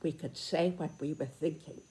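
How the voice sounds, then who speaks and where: A woman in her nineties with an American accent, giving reflective spoken commentary in a deliberate, earnest way with emphatic phrasing and pauses. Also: low-pitched, steady tone, dark tone. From United States. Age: 90s, very old. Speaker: video host, personal commentator.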